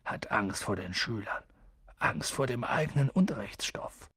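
A man voicing a huge, friendly giant who talks low, gruff and clipped, often dropping to a mutter. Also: expressive, measured pace, pushed and bright, no echo, studio quality, full character voice. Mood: confiding.

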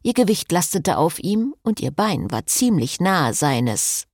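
Woman audiobook narrator, low husky voice, very lively pitch, slow. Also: dry recording, studio quality. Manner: slow, expressive reading. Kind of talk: scripted narration.

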